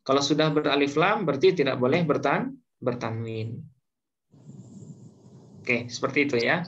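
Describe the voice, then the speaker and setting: A man's voice: medium pitch, normal speed, a bit bright. A man teaching Arabic grammar to a class, patiently repeating each point and leaving gaps for students to finish his words. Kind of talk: slow classroom lesson. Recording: dull lo-fi recording, faint noise.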